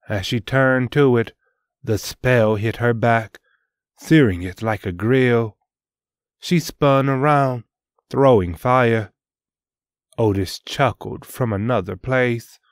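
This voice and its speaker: A man hosting and narrating a scripted adventure story in a measured, deliberate reading. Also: medium pitch, clear, resonant tone, no echo, studio quality. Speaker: host and storyteller.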